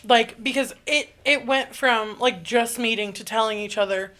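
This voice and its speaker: A woman in her twenties from Indiana, co-hosting a podcast in casual chat, candid and quick when excited. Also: on the high side. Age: 20s. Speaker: podcast co-host.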